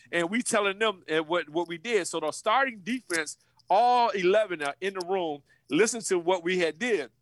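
A man in his fifties, a former college football player, telling an animated story full of slang, repeated words and acted-out voices. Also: high-pitched, no room sound.

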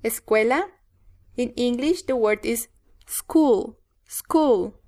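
A woman's voice: on the high side, very slow, warm tone. A woman co-hosting a bilingual pronunciation lesson, giving the English word for each prompt and repeating it. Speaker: co-host answering as student.

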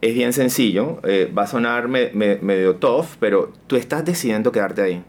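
A man, a business coach talking in a casual interview, energetic and emphatic, deliberately varying his intonation. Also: lowish voice.

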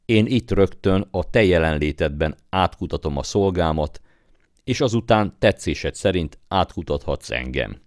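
A proud young master gives cool, clipped commands, as a man reading the story puts him on. The voice is very deep, and the sound is dry and close. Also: animated, no room sound. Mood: haughty, calm. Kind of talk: audiobook character voice.

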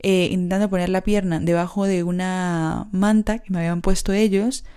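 A woman's voice: fairly low pitch, fairly even intonation, normal speed, warm tone, clear, resonant tone. A young woman tells her own story in a casual, unscripted way. She sounds frank and exasperated and swears freely. Her talk is full of fillers and asides. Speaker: podcaster telling a personal story.

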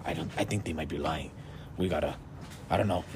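A man voicing a male dwarf digger who is suspicious and worried, repeating his doubts in a much lower voice than his own. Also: brisk, darkish tone, a little hiss or hum. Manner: anxious and doubtful, repeating himself.

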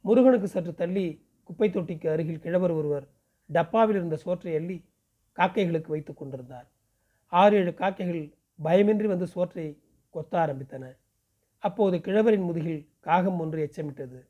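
A man's voice: moderate pace, dark tone, muffled recording. A man from Pondicherry reading a novel aloud, narrating and giving the characters' dialogue livelier voices. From Pondicherry, India. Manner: raises pitch and speeds up for characters' dialogue. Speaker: audiobook narrator.

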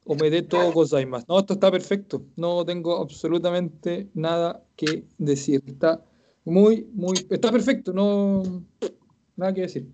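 A man's voice: sits high, measured pace, mellow, a little hiss or hum. Methodical Chilean man teaching a class. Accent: Chilean Spanish. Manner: methodical, reciting verb forms aloud, self-mocking humor. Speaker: Japanese language teacher. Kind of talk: live-streamed class, correcting homework.

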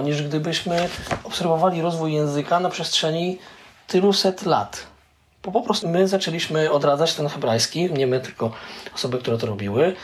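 Man explaining at length, halting fillers. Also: fairly high pitch, a little hiss or hum. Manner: hesitant, many filler "e" pauses. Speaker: interviewee, Hebrew scholar. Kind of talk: conversational explanation.

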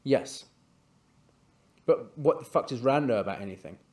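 A man's voice: mid-range voice, animated, moderate pace, darkish tone. Man, casual book chat, blunt, sweary, laughs often. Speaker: podcast host.

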